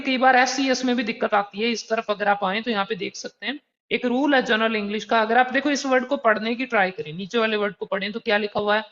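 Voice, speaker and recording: In a recorded online lesson for exam preparation, a man with a very high, fairly bright voice explains patiently and conversationally with worked examples. The audio sounds dull and slightly lo-fi.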